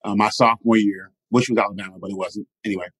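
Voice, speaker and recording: Fast-talking animated man storyteller. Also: fairly low pitch, husky, no room sound, rough recording. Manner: animated, repeats "right?" often. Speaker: guest, motivational speaker. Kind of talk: storytelling interview.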